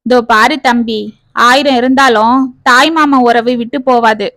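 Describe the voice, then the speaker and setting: A woman's voice: a little high, fairly even intonation, normal speed, a bit bright, dry recording, studio quality, close to an everyday voice. A woman voicing an elderly village grandmother who gives frank, scolding advice. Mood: advising. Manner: blunt, scolding counsel.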